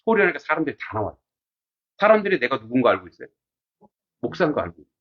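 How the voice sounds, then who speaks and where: A male pastor teaching a classics class in a casual, animated way, asking his students many rhetorical questions. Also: mid-range voice, racing, husky, lo-fi sound.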